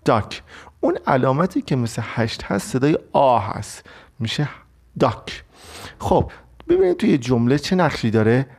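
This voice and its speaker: Lively male English vocabulary teacher. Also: medium pitch. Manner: explains step by step, reads English examples slowly. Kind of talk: recorded online lesson.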